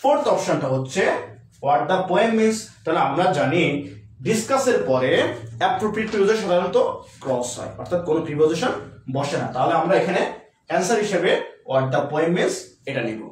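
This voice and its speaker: A man with a high, animated voice teaches English for a university admission test in a live online class, talking informally and mixing English terms into his explanations at a fairly quick pace. He sounds far from and a bit off the mic, with roomy echo in the recording.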